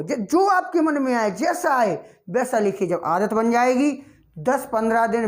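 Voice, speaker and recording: A woman's voice: medium pitch, a little mellow. A woman giving a spoken classroom lesson. She teaches English, asks the class questions and answers them herself, and calls her students beta and bhaiya.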